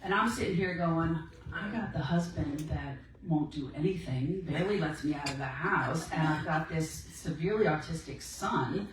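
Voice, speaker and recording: A woman's voice: sits low, normal speed, hardly any pauses, distant mic, noisy background. Chatty woman telling her story, echoey room. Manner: chatty storytelling, acting out quoted exchanges. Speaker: speaker at a women's ministry meeting. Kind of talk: personal testimony talk. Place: meeting room.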